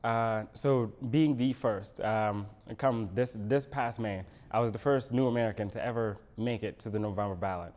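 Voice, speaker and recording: A man from Senegal, a city council candidate, answering questions in a local TV studio interview with measured, pause-filled speech. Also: on the low side, darkish tone.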